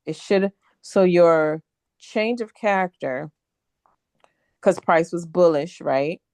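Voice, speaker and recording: Brisk woman co-teacher, dry close sound. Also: lowish voice, a little mellow, no room sound. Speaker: co-instructor. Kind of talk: casual teaching on a video call. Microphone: video call.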